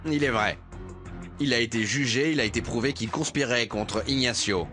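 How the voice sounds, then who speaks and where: A man plays a composed defense lawyer in a dubbed telenovela, speaking in measured, formal courtroom address. A faint music bed sits under him. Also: mid-range voice, pushed and bright, lightly acted.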